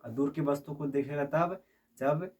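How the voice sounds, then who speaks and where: Guy teaching physics to a class, kinda high voice, mic far off, keeps asking "you get it?". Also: unhurried, darkish tone. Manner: quizzes students with repeated questions and checks understanding. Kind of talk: classroom lecture. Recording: voice from a distance.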